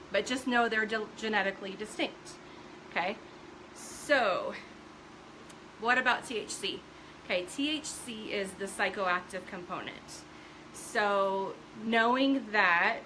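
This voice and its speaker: A woman's voice: mid-range voice, pushed and bright, slight background noise, rough recording. A middle-aged woman hosting a casual live stream from home, chatty and full of fillers, greeting viewers by name.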